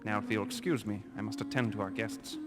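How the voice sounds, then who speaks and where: An actor playing a solemn, zealous male priest of a militant order in a video game, speaking in a formal, pious, measured way. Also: fairly low pitch, steady tone, in a large hall, over loud music, natural voice.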